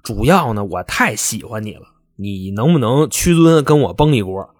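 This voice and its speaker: A man's voice: expressive, moderate pace, dry recording, clean studio sound. A man voicing a creepy wheedling young man. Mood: menacing. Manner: wheedling, then low and threatening. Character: creepy young man, pleading then menacing.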